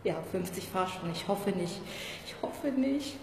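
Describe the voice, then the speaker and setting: A woman's voice: mid-range voice, expressive, a little slow. A woman chatting casually to her viewers in a vlog, giggly and greeting people by name. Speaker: vlogger. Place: in a car. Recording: car noise behind.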